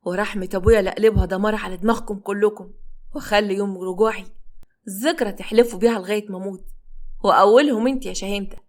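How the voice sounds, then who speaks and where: A woman's voice: mid-range voice, fairly even intonation, very fast, a little mellow, close to an everyday voice. A woman voicing a bitter, vengeful man returning home.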